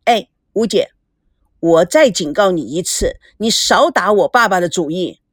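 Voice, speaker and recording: A woman voicing a sharp-tongued, jealous young woman in an audiobook novel, speaking in a mocking, scornful way. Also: lowish voice, lively intonation, unhurried, no echo, studio quality.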